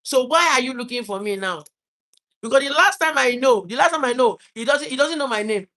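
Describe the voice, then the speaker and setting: A man with a Nigerian accent tells a painful personal story in an earnest, halting way. He often repeats and restarts his words while trying to hold back tears. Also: very high voice, lively intonation, sharp tone. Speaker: vlogger telling a personal story.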